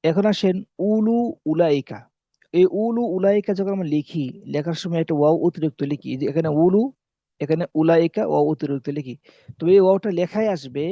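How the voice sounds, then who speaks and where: In this dull, lo-fi and dry recording, a man with a fairly high voice gives a classroom-style lesson on Arabic spelling rules. He goes over key points more than once and poses his own questions before answering them.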